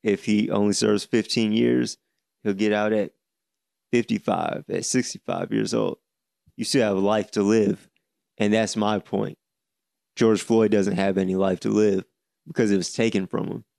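A man in his late twenties hosting a solo podcast, speaking earnestly with many halting restarts. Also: lowish voice, level tone, gravelly, darkish tone, no echo, studio quality. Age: 20s. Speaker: podcast host.

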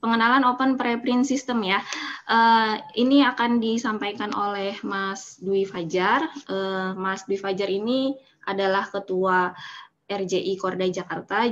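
A woman's voice: medium pitch, a bit bright. A woman moderating a webinar informally over a lo-fi online call. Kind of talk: informal event hosting. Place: online video meeting. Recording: dull lo-fi online call audio.

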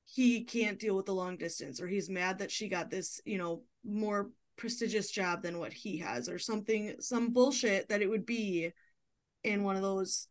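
A woman's voice: mid-range voice, normal speed. A woman in her thirties hosting a podcast, chatting casually and laughing often, with lots of fillers. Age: 30s. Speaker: podcast host.

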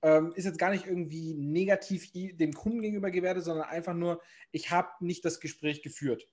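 A man's voice: fairly high pitch, steady tone, a little fast, darkish tone. A man chatting casually on a podcast, rambling with lots of fillers and restarts. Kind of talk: casual chat.

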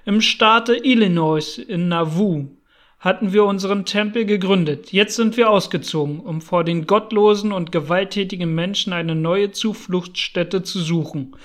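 A man's voice: high-pitched, normal speed, fairly bright tone. A man voicing a zealous, strict young male pilgrim who speaks in a fervent, preaching tone. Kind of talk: audiobook character voice.

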